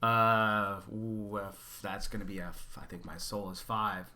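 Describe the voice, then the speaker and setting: A man playing in a tabletop game, speaking in quiet asides. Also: on the low side, steady tone, a little slow. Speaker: player. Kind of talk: casual tabletop play.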